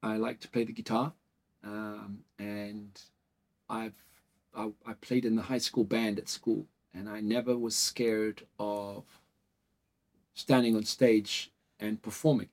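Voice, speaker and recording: A man's voice: on the low side, flat delivery, slow pace, darkish tone. A man in his forties, from South Africa and Portugal, talking casually as a clinic founder in an interview, rambling through stories with many fillers. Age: 40s. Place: dental clinic office.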